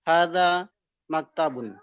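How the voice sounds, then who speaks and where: A man with an Indonesian accent, a student reading aloud slowly and carefully in an online class. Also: fairly high pitch, fairly bright tone, clean tone, no room sound. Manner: reads slowly and carefully, hesitant. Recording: dull lo-fi online call audio.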